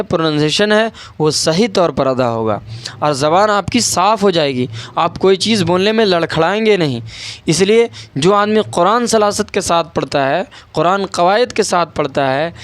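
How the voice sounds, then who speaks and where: High, clear-voiced man teaching Qaida reading. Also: no echo. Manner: patient, spells letters out slowly and repeats. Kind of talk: online Qaida reading lesson.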